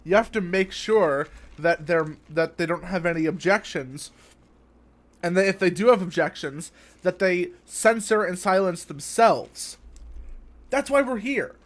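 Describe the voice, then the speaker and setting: A young man co-hosting a podcast, talking with heated, emphatic conviction and swearing freely. His voice sits a little high for a man. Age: young adult. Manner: emphatic, swears freely, quick to get worked up. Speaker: podcast co-host. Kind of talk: casual podcast chat.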